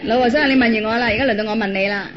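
An interpreter at a dharma talk, briskly relaying each phrase in a plain, steady way. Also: medium pitch. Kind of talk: live consecutive interpretation of a talk. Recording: dull lo-fi recording with faint noise.

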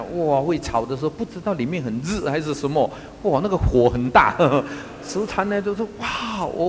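Monk guy giving a dharma talk, high lively voice, echoey hall, bit of hum. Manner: animated storytelling, chuckles often. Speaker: Buddhist monastic teacher.

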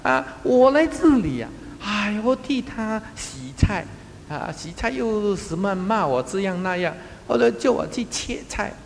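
A man's voice: sits high, very animated, unhurried, creaky, long reverb tail, a little hiss or hum, voice pushed up, heavily acted. A man voicing an older devotee who complains about being scolded in a temple kitchen. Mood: aggrieved.

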